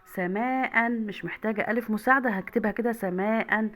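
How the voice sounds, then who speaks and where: A young woman with an Egyptian accent teaching an online Arabic lesson to primary school children, repeating words slowly and clearly. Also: on the high side, fairly bright tone, a little hiss or hum.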